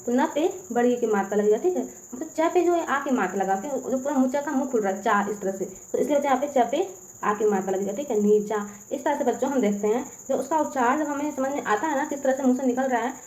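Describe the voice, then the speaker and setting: A woman teaching children to read and write, drilling syllables one by one in a slow sing-song and then explaining spelling patiently. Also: high voice, darkish tone, echoey room, rough recording. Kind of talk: children's alphabet lesson.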